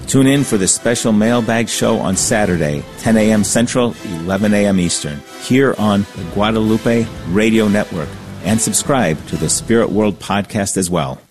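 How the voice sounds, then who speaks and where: A priest with a lowish voice reads a short scripted promo for a radio show. Faint music plays behind him. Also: male voice, normal speed, few pauses, a little mellow.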